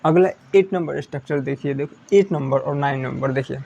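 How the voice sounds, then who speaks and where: A man's voice: on the high side, brisk, creaky, a little mellow, lo-fi sound, slight background noise. Young male teacher, repeating points. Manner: repetitive, checking understanding with "thik hai". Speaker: English teacher. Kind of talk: whiteboard lesson in Hindi.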